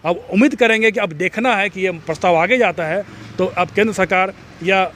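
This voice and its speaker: Man, slightly high voice, earnest, explanatory, interview answer. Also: normal speed, a bit bright. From Jharkhand. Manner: earnest, explanatory, with frequent restarts. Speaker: activist interviewee.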